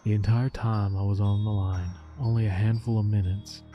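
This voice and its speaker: A man reads a scripted scary story in the first person. His voice is low and very dark, with a soft, mellow edge. The delivery is haunting and measured, with faint music underneath. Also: flat delivery, dull audio. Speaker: horror story narrator. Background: background music.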